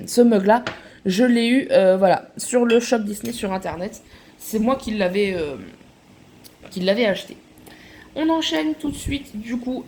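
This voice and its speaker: A woman's voice: medium pitch, a little mellow, a little hiss or hum. A woman chatting casually in a show-and-tell vlog, filling her talk with little asides. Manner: chatty, many fillers and little "hop" and "voilà" asides. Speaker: collector showing her items.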